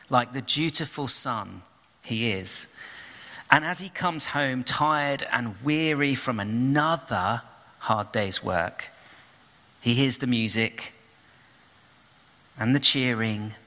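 A man's voice: medium pitch, pushed and bright, big-room sound. A man preaching a sermon, retelling the story expressively and putting questions to the congregation. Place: church.

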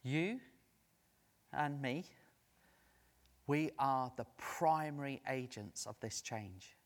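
A man preaching a sermon as a lively storyteller who acts out the voices of the people he quotes. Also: mid-range voice, slow pace. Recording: long reverb of a large hall.

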